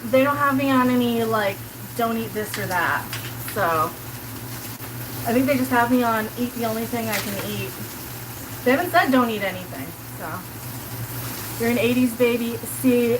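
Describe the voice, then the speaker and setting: A Colorado livestreamer in her forties with a South Kansas accent chats casually while cooking in her home kitchen, her voice a little high and at normal speed. She rambles and leans on "like" as she answers her chat, with a pan sizzling behind her.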